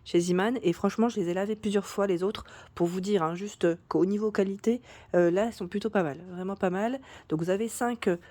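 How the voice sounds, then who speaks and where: Woman, vlogger, casual shopping haul, chatty, many fillers and restarts, slightly hoarse cracking voice. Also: mid-range voice, steady tone, fairly quick, mellow, no echo. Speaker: YouTube vlogger.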